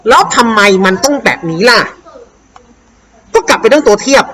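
Thai woman teacher, slow drilling delivery, bright tone, coaxes pupils to repeat. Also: a little high, low-quality recording. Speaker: English teacher. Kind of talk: explaining a worksheet to young pupils.

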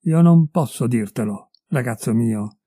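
A man's voice: mid-range voice, expressive, measured pace, mellow, no echo. A man voicing a bitter, wronged middle-aged husband who accuses his wife in a raised, heated voice, in a dry, close recording. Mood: furious, accusing.

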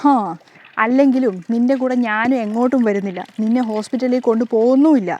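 A woman recapping a TV serial in casual, animated storytelling narration with a dramatic flair. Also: fairly high pitch, fast talker, lo-fi sound.

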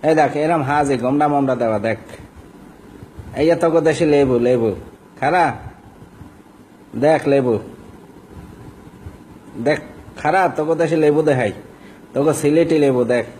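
A man's voice: fairly high pitch, a little slow, long pauses, a little mellow, a little hiss or hum, poor audio. Mocking man with a Barishal accent. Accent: Barishal Bengali. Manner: mocking, coarse and insulting. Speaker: social media vlogger. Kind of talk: ranting monologue.

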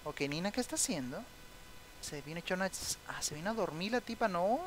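A young man casually narrates his own gameplay in let's-play style, chatting, reading the game's text aloud, and often letting out sympathetic exclamations. His voice is high and expressive, a little fast, and the audio is poor.

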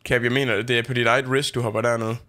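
A young man co-hosting a let's play, easygoing and teasing, exclaiming excitedly at what he finds. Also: mid-range voice. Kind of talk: casual gaming banter.

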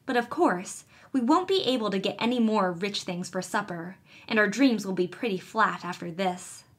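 A woman voicing an excitable young girl who tumbles over her words in alarm. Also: mid-range voice, normal speed, breathy edge. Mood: reassuring. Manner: breathless, tumbling apologies.

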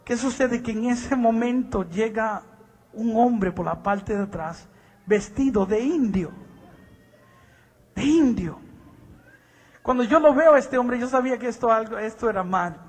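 A man preaching a sermon in a strikingly high voice, telling his story with fervor. He drops to near-whispers and then bursts into shouts. He keeps breaking in with a repeated blessing. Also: moderate pace. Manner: impassioned, swings from hushed to shouting; repeats "bendito sea Dios". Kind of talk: sermon testimony.

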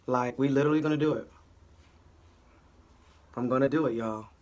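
A young beauty vlogger with a very deep, slightly mellow voice talks at normal speed in an upbeat, slangy way. It's a casual vlog chat shot on a phone held close, beginning in a small room at home and continuing on a city street and at a gym.

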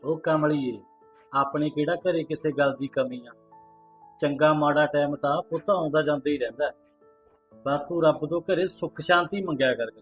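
A calm, wise father, played by an actor, with a slightly high man's voice who reassures his family in a gentle, steady way. Faint music plays under him. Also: normal speed, lightly acted. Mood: reassuring. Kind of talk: short film dialogue.

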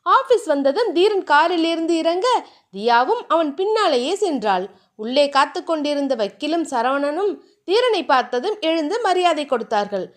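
A woman narrating a romance novel aloud with steady storytelling delivery. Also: sits high, normal speed. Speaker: audiobook narrator. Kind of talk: scripted narration.

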